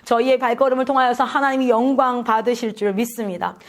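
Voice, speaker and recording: A woman's voice: fairly high pitch, steady tone, fast talker. A woman missionary preaching a sermon at a prayer meeting, asking the congregation questions and calling out hallelujahs.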